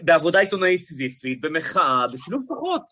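Bright, animated man on a panel. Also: a little high. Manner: animated storytelling, many fillers. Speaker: journalist panelist. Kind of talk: panel discussion.

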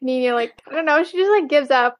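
A woman's voice: sits high, brisk, a little hiss or hum. A woman co-hosting a podcast, recapping an episode casually and hesitantly, with many fillers. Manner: hesitant, full of "um" and "like". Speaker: podcast co-host.

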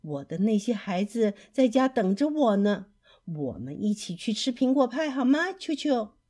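A woman's voice: on the high side, big pitch swings, normal speed, mellow. A woman doing a kind motherly storybook bear. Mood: tender.

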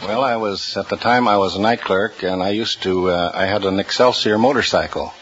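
An American man in his fifties answering as a quiz show contestant in a halting, plain-spoken way. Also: lowish voice, a bit bright. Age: 50s. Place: radio studio with audience. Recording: dull old radio recording, clear noise.

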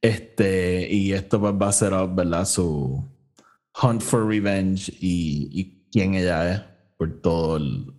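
A man with a Puerto Rican accent hosts a casual podcast reviewing an audio drama, recounting a story conversationally and slipping English phrases into his Spanish. His voice is low-pitched and a little mellow, and he takes it slowly.

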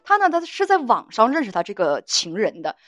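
A woman hosting an advice show, telling a cheating story with open scorn and indignation. Her voice sits fairly high and swoops up and down. Faint music plays underneath her. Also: huge pitch swings, brisk, fairly bright tone. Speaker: host of a relationship advice show. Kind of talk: storytelling commentary.

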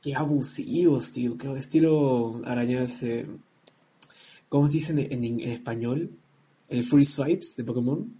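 A man's voice: medium pitch, measured pace, warm tone, slight background noise. A man co-hosting a casual chat, joking around and sending playful greetings to his listeners.

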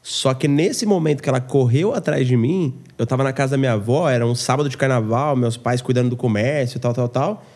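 Mellow-voiced Brazilian man telling a story. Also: mid-range voice, a little fast, hardly any pauses. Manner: lively anecdote telling with slang. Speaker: podcast guest. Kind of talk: casual storytelling chat.

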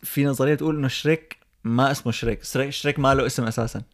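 A man's voice: mid-range voice, fairly even intonation, rapid-fire. A young man with a Syrian Arabic accent chatting casually as a podcast co-host, mixing French and English words into his Arabic. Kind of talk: casual chat.

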